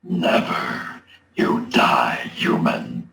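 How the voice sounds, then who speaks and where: A man voicing a huge, monstrous Minotaur in a video game, with a slow, threatening delivery. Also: pushed and bright, roomy sound. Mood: menacing. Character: huge monstrous bull-headed Minotaur, menacing brute.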